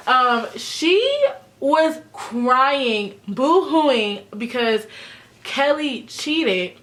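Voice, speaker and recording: A woman's voice: a little high, a bit bright. A woman giving a casual, chatty and sassy recap of a reality show, using "like" a lot. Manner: chatty and sassy, heavy use of "like". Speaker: recap vlogger.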